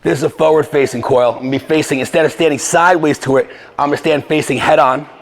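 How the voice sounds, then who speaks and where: Male fitness coach, breathless after exercises, upbeat and chatty, voice on the high side. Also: fast talker, creaky. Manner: energetic, conversational, with filler restarts. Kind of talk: casual exercise tutorial.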